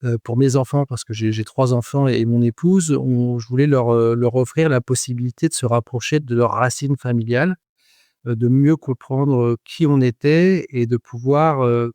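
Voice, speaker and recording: A man's voice: mid-range voice, fairly even intonation, moderate pace, warm tone, dry recording, studio quality. A man in his forties, a guest on a podcast interview, speaking with frequent hesitations, fillers and restarts. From France. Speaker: guest, rum producer.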